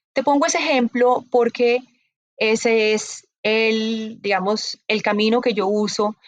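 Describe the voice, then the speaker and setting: A woman's voice: mid-range voice, no echo, highs cut off. A woman, a bookseller telling stories in an interview and acting out the dialogue. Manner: animated, acts out quoted dialogue in storytelling. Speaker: bookseller guest. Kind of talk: conversational storytelling interview.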